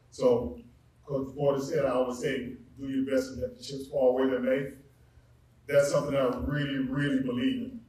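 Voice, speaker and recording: A coach giving a plain, relaxed thank-you speech from quick notes at a school ceremony. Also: male voice, medium pitch. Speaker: athletic director and coach. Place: school gathering space with a live audience. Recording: echoey room, voice from far off.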